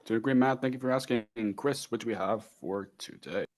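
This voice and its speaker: A man's voice: medium pitch, brisk. A man hosting a podcast, welcoming listeners and guests in an upbeat, casual way. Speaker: podcast host. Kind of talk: casual interview.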